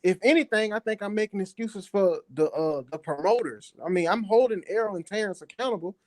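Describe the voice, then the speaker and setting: A man's voice: sits high, brisk, darkish tone, no echo. A man from New Orleans in a heated, casual boxing debate, defensive and slangy, repeating phrases for emphasis. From New Orleans, United States. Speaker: guest debater on a boxing talk show.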